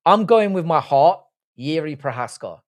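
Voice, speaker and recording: A British man in his early forties runs a casual livestream, taking and answering live comments at a moderate pace. His fairly high voice has lively intonation, and his manner is crude, blunt, jokey, and slangy.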